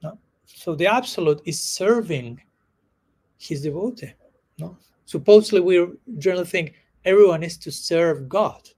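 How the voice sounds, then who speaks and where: A spiritual teacher gives an informal dharma talk to a live group, his gentle voice sitting high and animated. He tells stories unhurriedly, chuckling often and slipping in "no?" asides.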